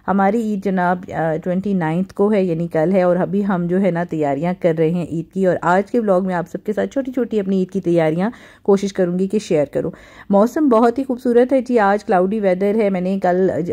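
A middle-aged woman from Pakistan narrates her home vlog in a low, mellow voice. She talks in a chatty, easygoing way, full of fillers and stray English words. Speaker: vlogger.

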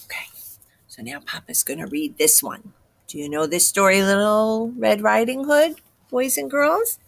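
A middle-aged woman teacher reads a picture-book story aloud to children in a classroom, telling it expressively. Her voice is medium-pitched and creaky, at a normal speed.

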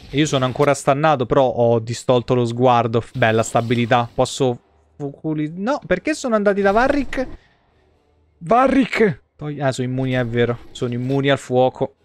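This Italian-accented streamer in his thirties narrates his gameplay live in a loose, colloquial way, with the occasional curse. Recorded in a small indoor room with no echo, his mid-range voice is very animated and a little slow.

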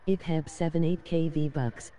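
Female computer voice, deep and very dark, flat robotic delivery reading messages. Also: a little slow. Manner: monotone, reads every message in the same even tone. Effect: text-to-speech computer voice. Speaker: chat messages read aloud on a stream.

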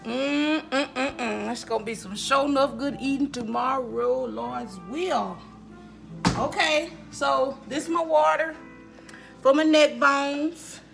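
Cooking indoors in her home kitchen, a woman in her thirties chats casually with her viewers, calling them y'all in an unhurried, folksy manner. She's a cooking vlogger whose high voice carries a strong gravelly fry. A counter camera that gets moved around captures her in an echoey space with music behind her.

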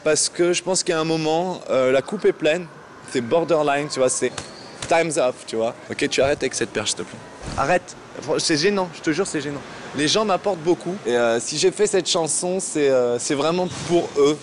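A man's voice: fairly high pitch, normal speed, a little hiss or hum, close to an everyday voice. An actor playing a rude, irritable male pop star who snaps at and insults a fan on a city street. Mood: irritated. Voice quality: curt and insulting, snapping at people. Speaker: pop singer hiding behind a fake accent. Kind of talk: sketch comedy acting.

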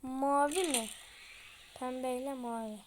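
A young woman plays a horror game and talks to the screen, with a high voice and an unhurried pace. She chats casually in slang and breaks into panicky outbursts. Faint noise sits behind her. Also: fairly even intonation. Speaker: gameplay streamer.

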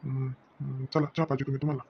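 A man's voice: mid-range voice, little pitch movement, very fast, vocal fry, a little hiss or hum, lightly acted. A man, playing a pushy, lecherous old man on a bus in an amateur skit, in a wheedling, coaxing voice. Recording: dull lo-fi recording with faint music.

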